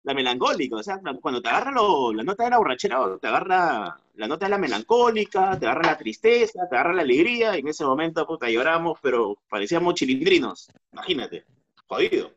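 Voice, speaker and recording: A man's voice: a little high, very animated, fast talker, a bit bright. A man telling a drinking story in casual chat, slangy and repeating words for effect. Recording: dull lo-fi sound.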